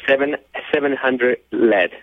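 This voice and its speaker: Halting male caller on a tinny phone line. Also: medium pitch, no room sound. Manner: halting, short answers. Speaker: radio show caller seeking legal advice. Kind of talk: answering questions on a call-in show.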